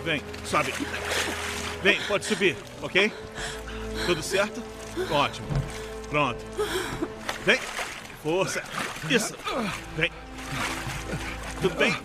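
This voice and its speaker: An actor dubbing a determined scientist turned boat rescuer in an action film, with a Brazilian accent. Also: male voice, high voice, lively intonation, takes it slowly, pauses often, over loud music. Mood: reassuring. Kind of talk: dubbed action film dialogue.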